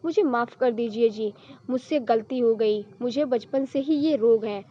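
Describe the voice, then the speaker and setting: Brief: sheepish, pleading young wife, read by a woman, high voice, muffled audio. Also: a little slow, mellow.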